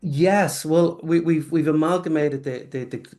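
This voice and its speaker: Man, from the UK, halting speech, lots of restarts, casual interview talk. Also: a little high, mellow. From United Kingdom. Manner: halting, many restarts and fillers. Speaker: probiotics company guest.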